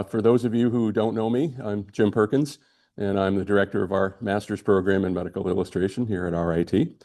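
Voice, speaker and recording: A man opens an event in front of an audience as its director. His voice is on the low side, with a dark, relaxed tone. He speaks as a host introducing presenters. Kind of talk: welcome remarks in front of an audience. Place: room with a live audience.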